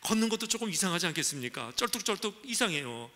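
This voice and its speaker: Bright, forceful pastor preaching. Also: male voice, high voice, very animated, quick pace. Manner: vivid storytelling, colloquial, rhetorical questions. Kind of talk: sermon.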